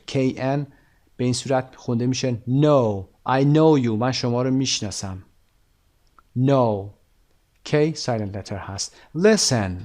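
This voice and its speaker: Persian-accented male teacher modeling English words. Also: medium pitch. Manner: switches between careful slow English examples and quick explanations. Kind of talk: recorded language lesson.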